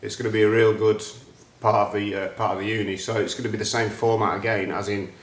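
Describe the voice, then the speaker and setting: A man, hosting a casual chat and talking about his plans in an animated, excitable way. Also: lowish voice, quick pace, echoey room. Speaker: host.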